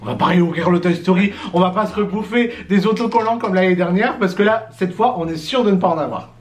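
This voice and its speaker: A man co-hosting a casual vlog, excitable and playful, laughing often. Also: high voice, fast. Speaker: YouTube co-host.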